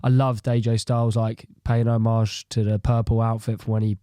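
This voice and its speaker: A man co-hosting a podcast in casual chat, excitable and laughing often as he acts out reactions. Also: medium pitch, normal speed, clear, resonant tone, no room sound, studio quality. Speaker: podcast co-host.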